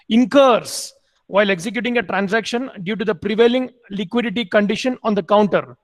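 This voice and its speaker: Brief: high-pitched male lecturer, repeats and quizzes students. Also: a bit bright. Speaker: MBA lecturer. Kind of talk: online class lecture.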